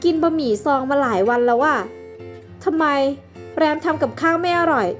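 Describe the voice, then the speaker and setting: A woman voicing a gentle, worried young wife in a homemade life-sim drama, speaking softly and pleadingly. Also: high voice, normal speed, faint music behind, pitched above the performer's own voice, natural voice.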